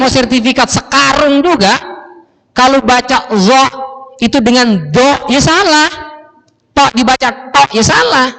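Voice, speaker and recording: A male preacher giving a lively Ramadan sermon in a mosque, acting out his congregants and drawing out Quran recitation. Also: extremely high pitch. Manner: acts out congregants in quick voices, drawn-out Quran recitation. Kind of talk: Ramadan sermon with comic role-play. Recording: echoey mosque hall.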